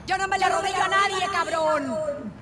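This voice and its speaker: Menacing half-robot cyborg woman: very high, clipped threats, distant game audio. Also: measured pace, echoey room, over loud music. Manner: clipped threatening lines, speaking Spanish. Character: menacing female cyborg soldier, cold and threatening. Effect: half-robotic cyborg voice filter.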